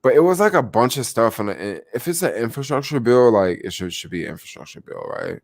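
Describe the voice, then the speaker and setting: Sounding sleepy and yawning, a young stock vlogger rambles about stocks on a livestream, using lots of fillers and taking viewer questions. His medium-pitched voice is expressive, a little fast, and slightly mellow. The audio is dry and studio-clean.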